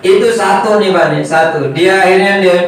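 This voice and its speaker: Male preacher, storytelling sermon style, slightly high voice, distant mic with faint background noise. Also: normal speed, very echoey. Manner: animated storytelling, addresses listeners directly. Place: prayer room.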